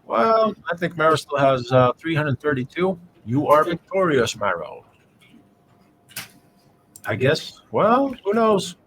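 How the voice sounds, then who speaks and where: A man's voice: on the high side, sing-song, takes it slowly, fairly bright tone, a little hiss or hum, low-quality recording. Joking male esports commentator. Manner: joking, teasing banter. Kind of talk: live game commentary.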